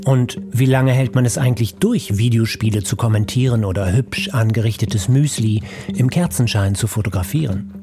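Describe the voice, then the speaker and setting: A man's voice: mid-range voice, moderate pace, music in the background. A man presenting a scripted introduction to a radio reportage.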